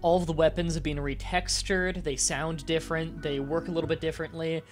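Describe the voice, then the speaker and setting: A congested man wearing a nasal strip, short of breath, chatting casually to viewers as a live streamer and pausing to breathe. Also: a little high, flat delivery. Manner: halting, with pauses to breathe and throat clearing. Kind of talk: casual livestream chat to viewers. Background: music.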